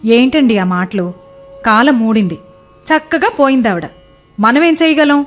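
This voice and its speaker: A woman's voice: fairly high pitch, lively intonation, moderate pace, close to an everyday voice. An actress in a radio play playing a selfish, contemptuous young wife who scolds her husband. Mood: dismissive. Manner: scornful, scolding. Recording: faint music behind.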